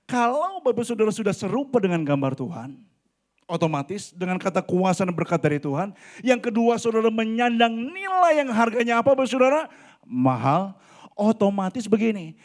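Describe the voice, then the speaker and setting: A man in his forties preaching a sermon in a church, talking animatedly and often addressing the congregation directly. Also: sits high. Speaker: pastor. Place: church hall.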